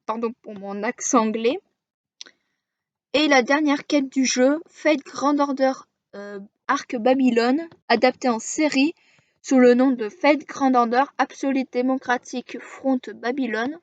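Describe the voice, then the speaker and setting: A woman casually explaining to camera as an anime video creator, halting and pausing often as she works through a list. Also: high-pitched, no echo. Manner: halting, frequent hesitations while listing titles. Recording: dull lo-fi dry recording.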